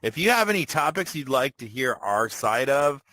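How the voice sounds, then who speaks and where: A man co-hosting a casual gaming podcast, halting and repeating words as he searches for them. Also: mid-range voice, big pitch swings, bright, forceful tone, no echo. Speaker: co-host.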